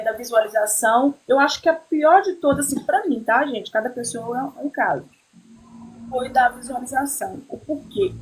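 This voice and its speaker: High-voiced woman hosting a chat. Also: low-quality recording. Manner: tells stories animatedly, often checks in with "entendeu?". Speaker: host. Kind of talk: casual conversation.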